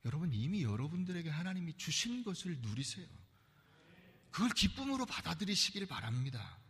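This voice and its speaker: A man preaching a sermon as pastor, animated and acting out the voices he quotes. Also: on the high side, fairly quick, husky, long reverb tail. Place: church sanctuary.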